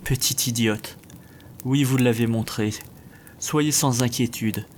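A man reading aloud, voicing a contemptuous bodiless male spirit that speaks slowly and commandingly. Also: mid-range voice, fairly even intonation, slight background noise, close to an everyday voice. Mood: scornful. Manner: scornful, slow and commanding.

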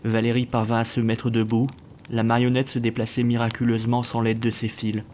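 Man narrating in a flat, level voice. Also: medium pitch, brisk, a little hiss or hum. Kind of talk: scripted narration.

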